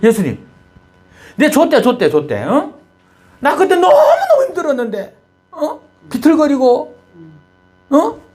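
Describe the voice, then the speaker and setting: Within a sermon, a pastor acts out a distraught young man, voice pitched far above the preacher's usual register, loud and pleading. He sounds accusing and hurt, his questions rising higher and higher. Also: huge pitch swings, slow, long pauses, soft background music, heavily acted. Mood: pleading, aggrieved. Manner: pleading, accusing, voice climbing high. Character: anguished young man crying out to Jesus. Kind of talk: acted quote in a sermon.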